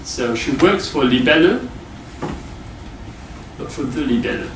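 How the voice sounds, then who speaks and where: A man teaching English grammar to a class, explaining slowly with many pauses and fillers. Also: mid-range voice, lively intonation, a bit bright, slight background noise. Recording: echoey classroom from far off.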